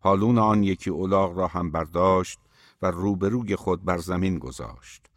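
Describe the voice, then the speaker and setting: A man reading a novel aloud as its narrator, in a measured, steady way. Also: sits low, no room sound, studio quality. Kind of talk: audiobook narration.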